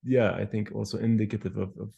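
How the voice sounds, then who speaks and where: A man in his thirties from Palestine, an architectural historian, answering interview questions in a thoughtful, measured way with frequent pauses and fillers. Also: fairly low pitch, flat delivery, vocal fry, warm tone, husky, dull audio. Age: 30s.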